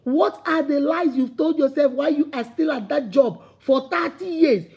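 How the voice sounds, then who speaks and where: Warm and high-voiced, this Nigerian-accented woman speaks at a moderate pace in a passionate motivational address. She preaches and repeats herself, steadily building toward emphatic calls.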